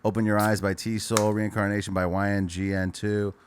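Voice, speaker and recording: Low-voiced man hosting a podcast. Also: little pitch movement, normal speed, a little hiss or hum. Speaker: podcast host.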